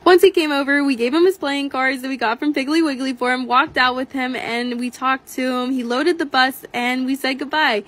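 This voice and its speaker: A woman's voice: high voice, fairly even intonation, moderate pace, hardly any pauses, fairly bright tone. An eighteen-year-old woman narrating a vlog voice-over in a gushing, upbeat storytelling way. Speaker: vlogger.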